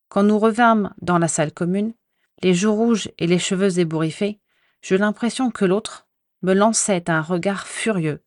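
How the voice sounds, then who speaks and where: A woman's voice: on the low side, a little mellow, no echo, studio quality. A woman steadily reading a first-person story aloud. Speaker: reader.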